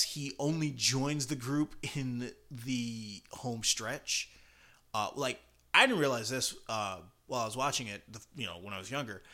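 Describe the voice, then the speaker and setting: A male podcast host gives casual solo commentary in a bright, forceful voice of average pitch. He speaks haltingly, working out his thoughts aloud as he goes.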